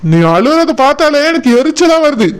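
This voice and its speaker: A woman's voice: sits high, expressive, normal speed. A woman voicing an angry young husband in a cartoon, with a Kanyakumari Tamil accent, scolding and threatening harshly. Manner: shouting insults, scolding and threatening. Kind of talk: cartoon voice acting.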